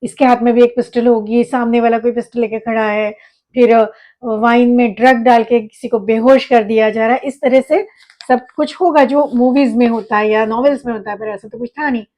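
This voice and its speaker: A woman teacher, reading a story aloud slowly and then explaining it quickly in a relaxed, talky way. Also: fairly high pitch, rough recording. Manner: reads English lines slowly, then explains quickly in Hindi. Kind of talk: explaining a textbook story line by line.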